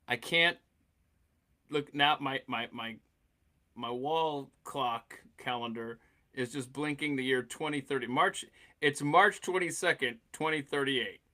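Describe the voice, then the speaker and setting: Casting: male podcast host, forties, bright forceful tone, excitable and stammering. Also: medium pitch, unhurried. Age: 40s. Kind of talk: casual chat.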